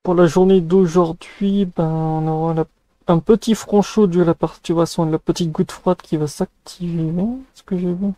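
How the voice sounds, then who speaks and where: A man's voice: fairly high pitch, fairly even intonation, normal speed, mellow, no echo. A man giving casual, improvised weather commentary in an informal, slangy way as a news host.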